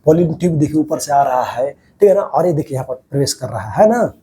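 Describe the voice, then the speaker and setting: Man teaching biology, mellow tone, slightly high voice, repeats terms as questions. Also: animated, a little fast. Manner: repeats key terms as questions to students, calls them babu. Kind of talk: classroom lecture over diagrams.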